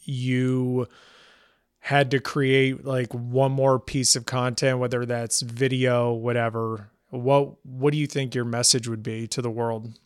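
A man's voice: medium pitch, flat delivery, takes it slowly, clean tone, no echo, studio quality. A man hosting an interview podcast, asking careful questions and hesitating as he searches for words. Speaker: podcast host.

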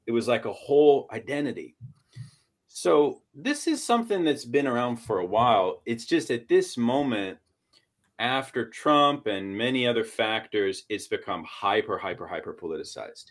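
A man's voice: mid-range voice, expressive, moderate pace. A man from Portland, Oregon, co-hosting a casual political discussion, talking in a hesitant, analytical way. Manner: hesitant, analytical, restarts a lot. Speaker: podcast co-host.

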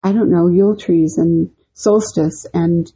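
A woman's voice: fairly low pitch, fairly even intonation, a little slow, dark tone, husky. A woman co-hosting a podcast, telling stories in a rambling, casual way with many fillers. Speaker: podcast co-host. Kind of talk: casual storytelling chat.

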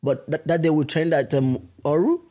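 A man from Nigeria, a soccer player guest on a podcast, talking excitably with stammering repeats. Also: a little high, moderate pace. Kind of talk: casual interview chat.

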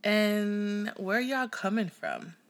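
A woman's voice: mid-range voice, slow. A woman from Tanzania co-hosting a podcast with her husband, chatting playfully and echoing his words. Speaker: podcast co-host. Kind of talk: casual chat.

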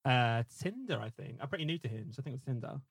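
A man's voice: medium pitch, expressive, quick pace, gravelly, breathy edge, no room sound, clean studio sound. A man with an Essex accent in casual, bantering chat, slangy and cheeky. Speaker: comedian co-host guest.

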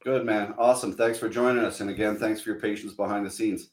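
A man's voice: fairly low pitch, steady tone, quick pace. A hungover man hosts a podcast in a casual, hesitant way full of uhs. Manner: informal, hesitant, frequent uhs. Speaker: podcast host. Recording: roomy, echoing sound.

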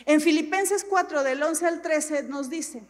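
A middle-aged woman pastor gives an animated, dramatic sermon full of self-mocking humor. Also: high voice, unhurried. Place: church hall. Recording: long hall reverb.

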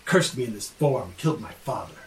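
A man voicing a huge cursed elf prince trapped in a monster's body, speaking haltingly and broodingly in a tabletop game. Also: mid-range voice, expressive, voice pushed down, lightly acted. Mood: weary, grave. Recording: roomy, distant mic with faint noise.

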